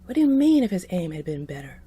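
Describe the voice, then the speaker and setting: A woman's voice: fairly low pitch, very animated, fast, mellow, slightly rough, exaggerated voice. A woman voicing an earnest, worried 1940s male private detective who is devoted to his partner. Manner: earnest, exasperated.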